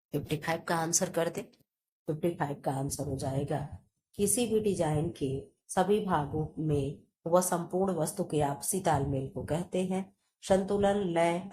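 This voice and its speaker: Low, dark-voiced woman teaching. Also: a little hiss or hum, low-quality recording. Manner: reads options aloud and answers them herself. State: coughing, chest sore. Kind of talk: exam-prep lesson.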